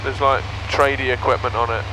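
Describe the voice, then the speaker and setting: A man's voice: mid-range voice, little pitch movement, a little fast. British pilot man on noisy cockpit radio. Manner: matter-of-fact, procedural. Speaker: private pilot. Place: cockpit of small light aircraft. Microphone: aviation headset intercom. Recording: noisy cockpit intercom audio.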